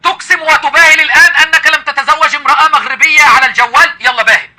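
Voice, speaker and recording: Egyptian-accented man, live-stream host, rapid-fire delivery, bright and cutting tone, taunting and mocking. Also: very high-pitched, fairly even intonation, slight background noise. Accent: Egyptian Arabic. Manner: mocking, taunting, laughing at the caller. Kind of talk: confrontational live call-in debate.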